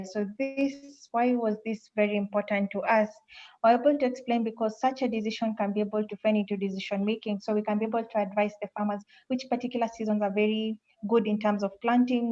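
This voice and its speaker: A woman giving a webinar pitch presentation over a video call, often repeating phrases as she searches for words. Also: a little mellow, dull audio.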